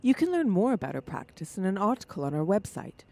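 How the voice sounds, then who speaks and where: A woman's voice: mid-range voice, very animated, fast talker, a little mellow. A woman reading a scripted closing thank-you as the channel presenter.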